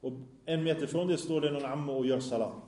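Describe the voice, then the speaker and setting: A man's voice: on the high side, warm tone, reverberant. A man teaching a religious lesson to a class in a small room, asking the students questions and then answering them himself. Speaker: Islamic teacher. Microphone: microphone in a small room.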